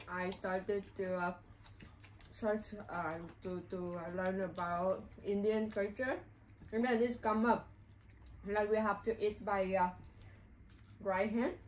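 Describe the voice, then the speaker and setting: A woman chatting casually with her husband over a home-cooked meal, speaking as an in a soft, halting way with many hums. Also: mid-range voice, slight background noise, low-quality recording. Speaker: vlogger eating with her husband. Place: home kitchen or dining table.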